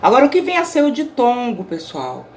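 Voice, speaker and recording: A woman's voice: a little high, huge pitch swings, a little fast, a little hiss or hum. A woman teacher recording her own online grammar lesson, explaining patiently and checking in with her students often. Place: indoors, self-recorded at home.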